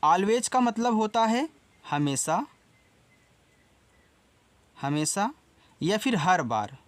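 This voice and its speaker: Male English teacher, Hindi accent, slow, patient spelling-and-repeat delivery, dry recording. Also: high voice, sing-song, no room sound. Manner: slow, spells words letter by letter and repeats them. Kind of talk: casual spoken lesson.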